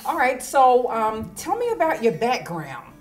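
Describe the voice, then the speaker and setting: A woman's voice: fairly high pitch, measured pace, soft background music. Chatty woman interviewer, lots of restarts. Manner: lively, stumbling over restarts, chatty. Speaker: host, executive director. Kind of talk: casual interview.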